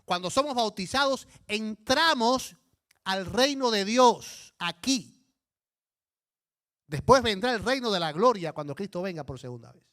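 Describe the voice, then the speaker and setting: A male pastor preaching a sermon, telling stories with emphatic, animated delivery. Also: sits high.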